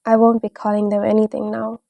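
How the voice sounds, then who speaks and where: A woman voicing a lonely young orphaned shapeshifter child who speaks softly and earnestly in a read-aloud story. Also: mid-range voice, completely flat delivery, brisk, vocal fry, dry recording, highs cut off. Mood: tearful. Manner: soft, earnest and tearful.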